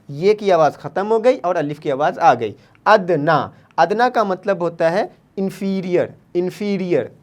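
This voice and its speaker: A man teaching to children, spelling out each letter, repeating words and answering his own questions. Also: high-pitched. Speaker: Urdu teacher. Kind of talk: slow spelling-out lesson for children.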